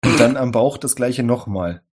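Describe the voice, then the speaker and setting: A man leads a tabletop role-playing session as game master, describing scenes and rulings in a calm, explanatory way. His voice has a husky, slightly breathy edge. Dry humor slips into his narration. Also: mid-range voice, normal speed.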